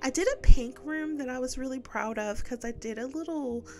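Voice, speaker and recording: A woman's voice: high-pitched, normal speed. A woman with a stuffy nose from a cold, chatting casually as a game building creator, rambling with lots of fillers and little giggles. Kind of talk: casual voice-over commentary.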